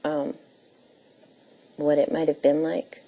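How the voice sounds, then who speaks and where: A woman answers haltingly in an interview. Her voice is low and very mellow, and she speaks slowly. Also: flat delivery, low-quality recording.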